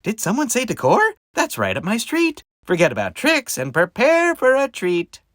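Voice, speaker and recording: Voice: medium pitch, huge pitch swings, moderate pace, fairly bright tone, no room sound, studio quality, voice pushed up. A performer voicing a kind, cheerful pumpkin come to life in a children's storybook, sweet and eager to please.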